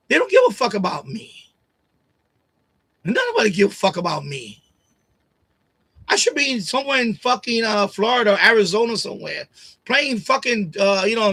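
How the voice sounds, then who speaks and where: A man's voice: very high-pitched, pushed and bright, breathy edge, dry recording. Profane, rambling man in his late fifties. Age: 50s. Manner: rambling, profane, repeats phrases, voice rises when upset. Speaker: livestream host. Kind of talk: emotional personal rant. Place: home. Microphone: desk USB condenser microphone.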